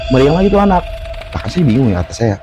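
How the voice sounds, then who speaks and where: Animated storyteller man. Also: medium pitch, rapid-fire, music in the background. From Jakarta. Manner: animated, acts out quotes, laughs often. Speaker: storyteller guest. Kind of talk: casual horror story telling.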